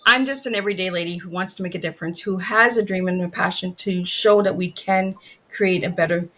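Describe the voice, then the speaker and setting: A woman's voice: on the low side, fairly quick, pushed and bright, slight background noise, rough recording. A woman from northern Ontario, a guest in a casual interview, talking candidly and openly about her own life. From northern Ontario, Canada. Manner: candid, open and emotional.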